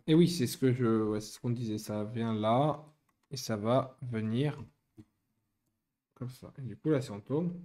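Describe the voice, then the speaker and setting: Casual young male YouTuber with a mellow voice, rambling as he builds. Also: medium pitch, fairly even intonation, unhurried. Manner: rambling, self-correcting, chatty. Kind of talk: casual chat while building.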